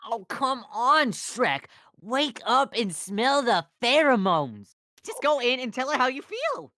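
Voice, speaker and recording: A woman's voice: sits high, takes it slowly, no echo, clean studio sound, full character voice. A woman playing jittery chatty Donkey. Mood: teasing. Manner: stammering, rambling, excitable.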